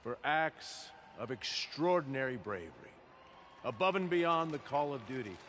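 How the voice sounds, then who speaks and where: A man's voice: mid-range voice, very animated, normal speed, fairly bright tone, slight background noise. A man playing a brusque, self-important mayor in a video game. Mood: formal, ceremonial. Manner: formal in speeches, curt and dismissive otherwise.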